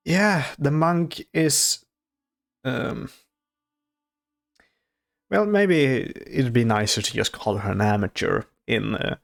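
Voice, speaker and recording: A man giving casual reaction commentary on a show, off camera, in a halting, soft-spoken way with many restarts. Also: mid-range voice, gravelly. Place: off-camera voice-over.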